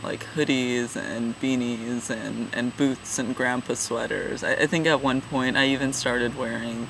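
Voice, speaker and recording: A man in his twenties from California talks in a halting, thoughtful, self-deprecating way in a casual personal vlog. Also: mid-range voice, steady tone, vocal fry, background noise. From California, USA. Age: 20s. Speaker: vlogger, regular channel contributor.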